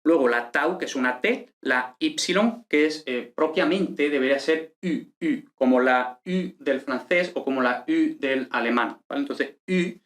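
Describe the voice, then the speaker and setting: A man's voice: mid-range voice, measured pace, hardly any pauses, fairly bright tone. A man teaching an online lesson and explaining each point step by step, often checking in with short tag questions. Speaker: teacher of ancient Greek.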